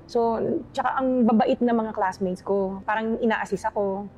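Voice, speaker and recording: A woman's voice: a little high, steady tone, moderate pace, darkish tone, a little hiss or hum. Chatty woman interview guest. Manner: chatty, mixing in English phrases. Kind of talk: casual conversational interview.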